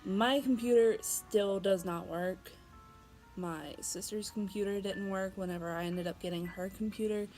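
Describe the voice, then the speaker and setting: A woman's voice: medium pitch, moderate pace, a little mellow, soft background music, rough recording. A young woman vlogging casually, chatty and giggly, with many fillers and restarts. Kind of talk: casual vlog storytelling.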